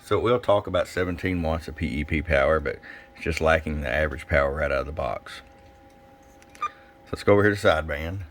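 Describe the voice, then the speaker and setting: A very deep-voiced man, a radio shop technician and presenter, does a casual, off-the-cuff hands-on product demo indoors at a radio workbench. He speaks briskly, with slight background noise in the recording.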